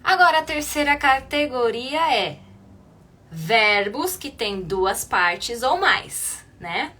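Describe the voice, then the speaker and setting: A woman with a Brazilian accent teaches an English lesson. Her voice is slightly high and a little husky. She explains patiently, often pausing to check that her students follow. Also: bright, forceful tone. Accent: Brazilian Portuguese. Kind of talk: online language lesson.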